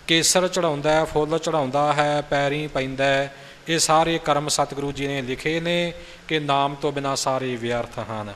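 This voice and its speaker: A man preaching, slowly and deliberately explaining scripture and how to pronounce it. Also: on the high side, a bit bright. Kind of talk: sermon with pronunciation guidance. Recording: long hall reverb, faint hiss.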